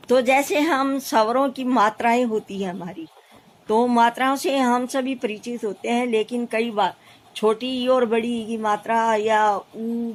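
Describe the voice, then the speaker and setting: A woman teacher with a Haryanvi Hindi accent walks young pupils through a lesson. Her voice sits somewhat high, and she talks slowly and patiently, going back over the key terms. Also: a little mellow, rough recording. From India. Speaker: primary school teacher. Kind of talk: classroom lesson explanation.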